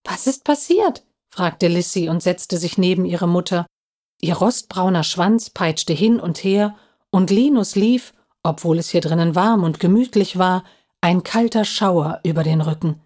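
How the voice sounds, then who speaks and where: A woman with a fairly low voice reads a children's story aloud, gentle and expressive. She takes her time and brings the characters to life. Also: unhurried.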